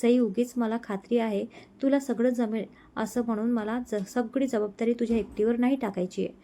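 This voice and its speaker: A woman voicing a tender, reassuring young man who speaks gently and unhurriedly to his fiancée. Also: on the high side, steady tone, normal speed, natural voice.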